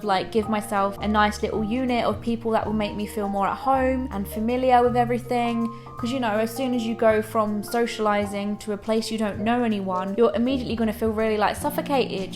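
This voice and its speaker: A British woman in her twenties talking casually and candidly to viewers, like a reflective personal vlog. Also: a little high. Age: 20s. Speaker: vlogger. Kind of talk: casual chat to camera.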